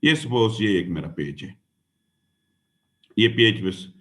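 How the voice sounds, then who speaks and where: A male teacher lecturing a class, his pitch rising and falling with animated, expressive swings. He spells words out letter by letter and keeps turning to his students with "dear student" and "son". He slips English terms in and out of his explanation. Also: slow. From Pakistan. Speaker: exam-prep teacher.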